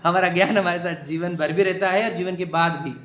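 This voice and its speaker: Man, religious teacher, high pitched, explanatory, keeps questioning listeners, echoey hall recording. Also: steady tone, brisk, fairly bright tone. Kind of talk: religious discourse to a live audience. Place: hall with a seated audience.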